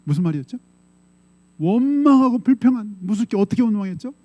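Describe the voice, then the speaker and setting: Man, middle-aged pastor, sermon, chatty delivery, acts out quotes, animated pitch, higher male voice. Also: a little fast, no echo, muffled recording. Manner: conversational, often asks the congregation "예?" and "음?"; acts out quoted voices in short dramatic bursts. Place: church sanctuary.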